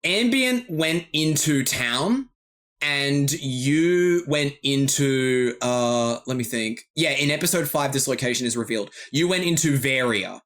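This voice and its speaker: A man who ran a tabletop game, recapping it in relaxed, casual podcast chat with lots of fillers and laughter. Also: mid-range voice, unhurried. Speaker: game master.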